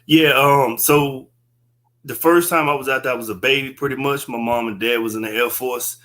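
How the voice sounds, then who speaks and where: A man's voice: mid-range voice, fairly even intonation, moderate pace, bright, forceful tone. A man, a guest comedian talking in a laid-back, slangy way over a webcam video call from an indoor room. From Texas. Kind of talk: casual interview chat.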